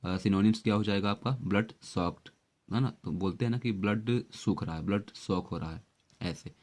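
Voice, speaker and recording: Low-voiced man teaching vocab. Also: moderate pace, darkish tone. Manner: chatty, with repeated questions to the viewer. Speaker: exam-prep vocabulary teacher. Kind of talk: explanatory lesson.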